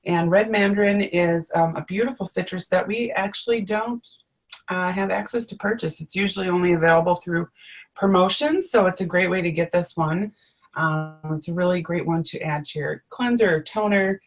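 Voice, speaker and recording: A woman with a somewhat low voice co-hosts a live webinar. She explains things in a friendly, easygoing way, dropping in frequent ums. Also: moderate pace. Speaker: webinar co-host. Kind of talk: casual presenting.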